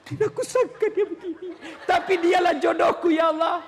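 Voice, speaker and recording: A male preacher voicing a bitter, scolding wife with exaggerated, mocking shouts. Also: very high-pitched, fairly even intonation, normal speed, over a noisy crowd, very noisy, voice pushed up. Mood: pleading prayer. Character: scolding wife, middle-aged woman, shrill and bitter. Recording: long hall reverb.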